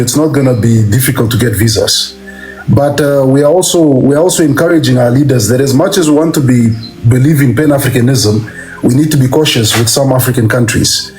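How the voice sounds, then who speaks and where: A man's voice: mid-range voice, a little mellow. A man speaks as a guest on a call-in discussion, earnest and polite toward the host. Faint music can be heard behind him.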